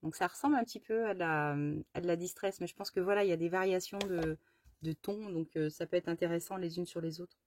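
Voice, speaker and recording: A woman's voice: on the low side, fast talker, darkish tone, a little hiss or hum. A woman chatting casually through a haul of her craft supplies, rambling with lots of fillers and restarts and fumbling English product names. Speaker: craft vlogger. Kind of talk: casual haul show-and-tell.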